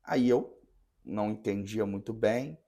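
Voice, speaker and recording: A man who is a parish priest, telling a story in a podcast conversation with an earnest, halting manner and many restarts. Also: lowish voice, vocal fry, dark tone.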